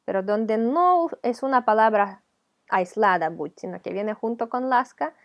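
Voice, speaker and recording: A woman's voice: a little high, expressive, unhurried, highs cut off. A woman with a Ukrainian accent, a teacher explaining a video lesson patiently, step by step. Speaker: language teacher.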